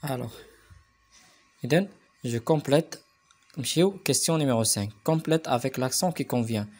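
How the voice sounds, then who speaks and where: A man with a Moroccan Arabic accent giving a remote French lesson to primary pupils, spelling words out slowly and repeating them. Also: medium pitch, a little mellow. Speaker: French teacher.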